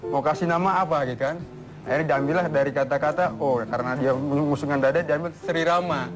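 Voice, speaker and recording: A man's voice: a little high, a little fast. A man appearing as an expert guest on a talk show, steadily explaining how chicken contests are judged. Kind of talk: explaining in an interview.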